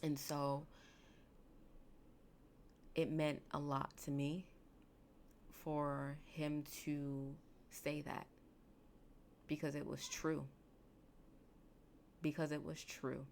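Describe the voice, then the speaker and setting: Slow gravelly-voiced woman reflecting. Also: low voice, flat delivery, darkish tone, slight background noise. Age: late 20s. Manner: slow, halting, emotional with many restarts. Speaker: podcast host and therapist. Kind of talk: reflective solo podcast talk.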